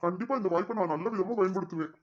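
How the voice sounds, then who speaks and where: A woman's voice: fairly low pitch, racing, highs cut off, lightly acted. A woman voicing a worried young husband in a cartoon, talking in a flustered, pleading way. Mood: relieved.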